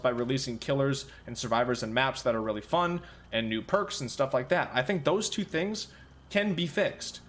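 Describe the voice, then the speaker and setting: A man's voice: medium pitch, lively intonation, moderate pace, fairly bright tone, slight background noise. A man giving exasperated, ranting commentary on a video game as a gaming video creator, swearing now and then.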